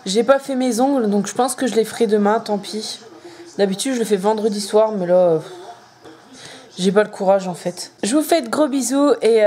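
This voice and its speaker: A woman's voice: medium pitch, dark tone. A young woman chatting casually and hesitantly to her handheld camera at home, rambling as a vlogger. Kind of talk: casual vlog chat. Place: at home indoors.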